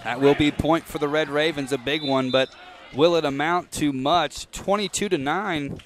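A man's voice: on the high side, moderate pace, slight background noise. A young man calling a college volleyball match live, energetically calling out scores and plays. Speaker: play-by-play commentator. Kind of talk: live sports commentary.

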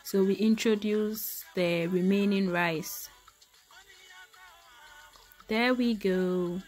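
A Ghanaian cooking vlogger demonstrates a recipe in her home kitchen, chatting with viewers she calls "my people" and exclaiming over the food. Her medium-pitched, somewhat dark voice stays steady and moves extremely slowly. Faint music plays behind her.

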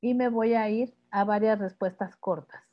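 A Mexican woman walks her audience through a live webinar one step at a time, patiently checking in with a quick "ok?". Her voice sits at a middle pitch for a woman. It comes through a video call with dull, lo-fi sound. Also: fairly even intonation. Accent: Mexican Spanish. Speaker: instructor.

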